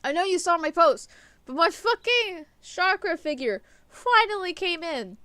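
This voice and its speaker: A woman's voice: extremely high pitch, sing-song, a little slow, pushed and bright, no room sound, rough recording. A young woman streamer with a stuffy nose, chatting casually while she plays, rambling with lots of fillers and casual swearing. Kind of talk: casual chat while gaming.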